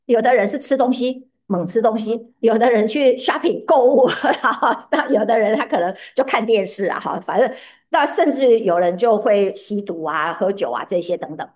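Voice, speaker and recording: A woman's voice: a little high, moderate pace, a little mellow. A woman preaching a sermon who often puts questions to her listeners.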